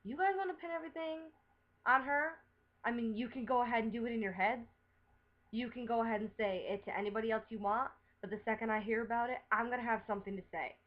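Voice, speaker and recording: A woman's voice: fairly high pitch, quick pace. Heated woman ranting on lo-fi webcam. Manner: heated, defensive, swearing. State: upset, recently crying. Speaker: vlogger. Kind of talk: emotional webcam rant.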